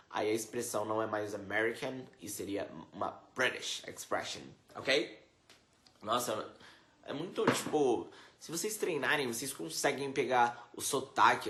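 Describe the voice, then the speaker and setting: A man's voice: medium pitch, a bit bright. Chatty Brazilian man teaching English. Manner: chatty, peppered with fillers; slow, careful English examples. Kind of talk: casual video lesson. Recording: echoey room.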